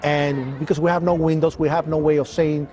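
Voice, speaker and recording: A middle-aged man, a former janitor, giving emotional eyewitness testimony and acting out the sounds and shouts he heard. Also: a little high, fairly quick. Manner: animated storytelling that acts out sounds and shouts. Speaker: former building janitor recounting his experience.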